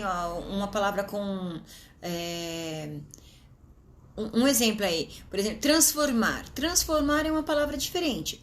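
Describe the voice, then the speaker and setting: A Brazilian woman speaks in a mid-range voice, coaching other teachers in a relaxed, chatty way. Her delivery is lively, with frequent little check-ins to her listeners and the odd word stretched out slowly to make a point. It sounds like a casual home recording on a phone or webcam. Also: medium pitch. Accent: Brazilian Portuguese. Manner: animated, many tag questions like "tá?", stretches words slowly for emphasis. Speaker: teacher trainer. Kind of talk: informal teaching talk.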